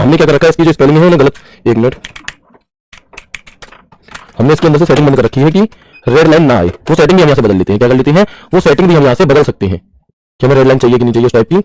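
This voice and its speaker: A man's voice: medium pitch, animated, fast, long pauses, a little mellow, poor audio. A man teaching a computer class who mixes English terms into his talk and keeps asking the class questions and answering them himself. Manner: mixes English terms into Hindi, calls students bhaiya. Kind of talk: screen-share tutorial lesson.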